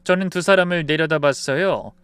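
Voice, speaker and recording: A man reading a first-person story aloud in a calm, confessional manner. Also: on the high side, fairly quick, clear, resonant tone, dry recording. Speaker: story narrator.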